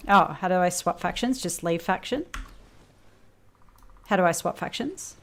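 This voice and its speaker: Slow-talking woman streamer, giggly. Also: on the low side, expressive. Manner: giggly, unsure, asks many questions. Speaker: streamer and player. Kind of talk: casual gaming chat.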